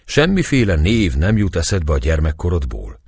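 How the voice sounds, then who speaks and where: A man voicing a calm, shrewd priest questioning a prisoner, with a husky voice. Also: low-pitched, no room sound, studio quality, exaggerated voice. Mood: probing. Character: calm, shrewd Hungarian male priest, sharp and probing.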